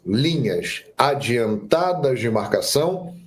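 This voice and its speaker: A man's voice: medium pitch, slow pace. A man giving opinionated football commentary on a sports show, with a nagging cough. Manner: opinionated, animated delivery.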